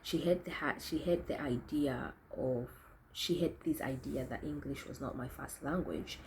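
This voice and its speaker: A young Kenyan woman talks to camera about her own experiences, thoughtful and self-correcting, often restarting her sentences. Her bass voice is darkish and moves at normal speed. The audio is poor, with a little hiss or hum.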